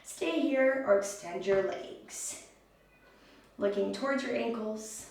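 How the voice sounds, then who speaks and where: A woman teaching a yoga class, giving step-by-step pose instructions in a calm, soothing, encouraging way. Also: fairly high pitch, slow. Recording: very echoey room, far mic, faint noise.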